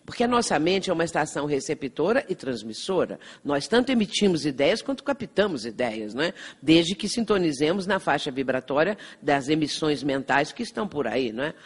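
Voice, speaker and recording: A woman's voice: low voice, very animated, fairly quick, few pauses, breathy edge. A woman with a Brazilian Portuguese accent gives a lecture, earnest and explanatory. She keeps tagging her points with little checks to the listeners. Her voice rings with the long reverb of a hall. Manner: earnest, explanatory, frequent "não é?" tags. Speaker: spiritist lecturer. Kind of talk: lecture with anecdotes.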